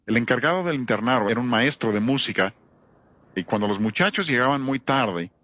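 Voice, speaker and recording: A man's voice: mid-range voice, animated, brisk, fairly bright tone, highs cut off. A man giving a church seminar lecture on music, emphatic and full of rhetorical questions to his audience. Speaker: seminar speaker.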